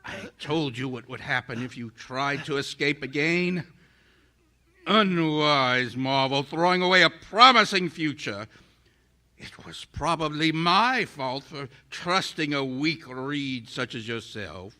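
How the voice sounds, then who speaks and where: A ruthless invisible tyrant of audio drama, played by a man, theatrical and menacing. The voice is a little high and very sharp, swooping widely as it delivers grand threats at a measured pace. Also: lively intonation, exaggerated voice. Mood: cold, menacing. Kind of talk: live audio theater performance.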